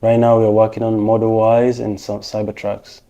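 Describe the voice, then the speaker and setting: A man's voice: on the low side, completely flat delivery, moderate pace, mellow, highs cut off. A man from Rwanda, patiently explaining things step by step as an interview guest. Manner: patient, explanatory, steps through points one by one. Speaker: interview guest, technician and financial professional. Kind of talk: casual interview answers.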